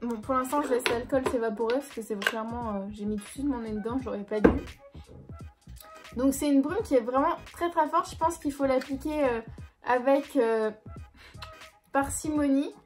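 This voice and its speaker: A woman's voice: high-pitched, moderate pace, music in the background. A young woman chatting casually through a beauty haul and review, light and self-deprecating, with plenty of hesitant fillers. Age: young adult. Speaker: beauty vlogger. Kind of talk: casual product review vlog.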